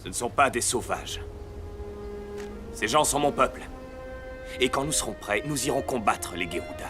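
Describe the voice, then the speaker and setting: A male actor voices a proud island king who leads warriors with good humour. His delivery is animated and moves freely in pitch, at a middle register. It is dubbed film dialogue with music clearly behind it. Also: moderate pace, close to an everyday voice. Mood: firm, proud.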